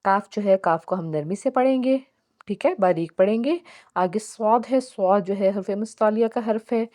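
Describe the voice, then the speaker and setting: A woman teaching a Quran tajweed lesson, spelling out syllables slowly and explaining the recitation rules. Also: mid-range voice, warm tone. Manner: slow, deliberate syllable-by-syllable spelling with drawn-out recitation.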